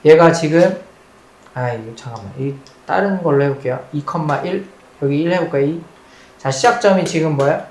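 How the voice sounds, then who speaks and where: At the board, a math teacher gives a recorded lecture, going over key points again and quizzing the students in a blend of polite and casual speech. The medium-pitched voice is a little mellow, at normal speed, in a roomy echo with faint background noise.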